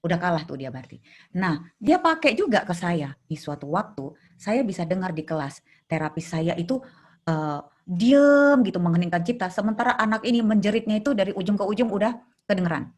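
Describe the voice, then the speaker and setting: A middle-aged woman with a husky, breathy voice talks as a guest therapist. She tells anecdotes casually and acts out scenes with playful sound effects. Her pitch sits in a middle range for a woman. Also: expressive, fairly quick. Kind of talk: casual storytelling interview.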